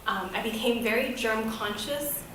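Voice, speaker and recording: A woman's voice: a little high, moderate pace, far from the mic, background noise. A woman in her thirties from the United States, giving a candid, conversational personal talk as a guest presenter at a podium. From United States, grew up in Boston. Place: event hall, speaking at a podium. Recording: very echoey hall.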